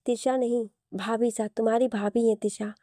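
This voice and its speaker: Brief: woman doing stern royal patriarch, firm orders, storybook read, mellow tone. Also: on the high side, steady tone, moderate pace, dry recording, clean studio sound, natural voice. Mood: fond. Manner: firm, commanding declarations. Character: stern royal father, older man, commanding.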